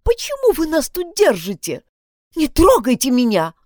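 Woman doing a scared young heroine, pleading, agitated, higher voice, dry close audio, audiobook. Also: huge pitch swings, normal speed, no echo. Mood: desperate. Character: frightened, confused young heroine in a hospital bed.

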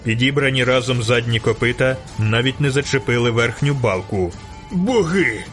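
A man reading a fantasy novel aloud as audiobook narrator, with measured, dramatic storytelling. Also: mid-range voice, steady tone, fairly bright tone, faint music behind. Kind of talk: scripted narration.

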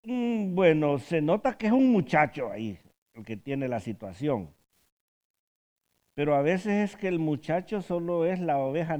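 Mujer que enseña en tono conversacional y animado. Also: female voice, low-pitched, warm tone. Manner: asks the group questions, often adds a tag question at the end; tells stories from her own counseling work. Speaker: Bible study teacher. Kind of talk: conversational Bible study teaching.

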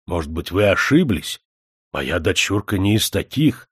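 A man reading a storybook, voicing a stern but humble old widowed father who speaks in a slow, deferential way. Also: sits low, big pitch swings, a bit bright, breathy edge, no echo, studio quality, exaggerated voice. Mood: humble, wary.

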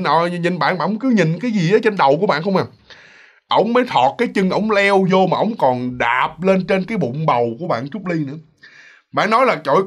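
A man's voice: sits high, breathy edge. A man telling a ghost story in a chatty way, speaking straight to his listeners and acting out the characters. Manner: chatty and animated, addresses listeners directly, acts out voices.

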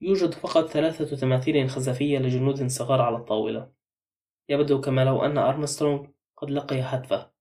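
A male audiobook narrator reading in an even, plain way. His voice is dark and mellow and he moves fast. He sits a little back from the mic. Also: mid-range voice, far from the mic. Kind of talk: scripted narration.

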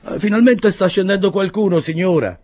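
A man's voice: high-pitched, brisk, no echo, voice pushed up. A man voicing a short, fat sedan-chair bearer who barks at people with scorn. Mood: relieved. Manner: gruff, scornful shouting.

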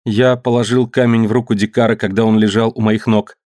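A man's voice: fairly low pitch, flat delivery, a little fast, darkish tone, dry recording, clean studio sound, close to an everyday voice. A man voicing a frightened but upright young man giving earnest testimony in a story reading.

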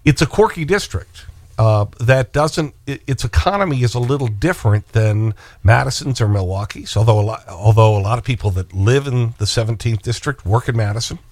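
A man's voice: mid-range voice, fairly quick, a little mellow, dry recording. A man hosting a radio show, needling and joking with his guest. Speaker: radio talk show host. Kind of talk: radio interview, banter. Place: radio studio.

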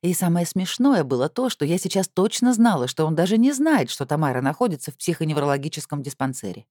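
A woman with a low, mellow voice narrating a first-person audiobook. Her intonation rises and falls expressively as she tells the story, recorded close and dry. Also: very animated, fast talker, no echo.

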